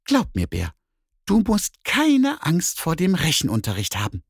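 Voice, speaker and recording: A man voicing a cheeky, boastful female neighbor cat in a children's story, with a high, snippy manner. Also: wildly swooping pitch, unhurried, creaky, breathy edge, dry recording, studio quality, full character voice. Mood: coaxing.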